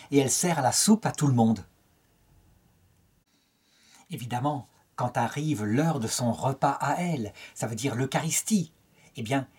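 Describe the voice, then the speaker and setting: Recounting a saint's life as a spoken lecture, a middle-aged Frenchman speaks in a slightly high, slightly mellow voice with a breathy edge. He narrates like a storyteller and raises his tone to voice the figures' words.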